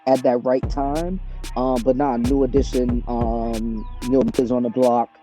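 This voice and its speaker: A man in his thirties from Trinidad, raised in Boston, answering interview questions over a video call in a relaxed storytelling way with many fillers. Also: medium pitch, unhurried, over music, rough recording. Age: 30s. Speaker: basketball coach, guest.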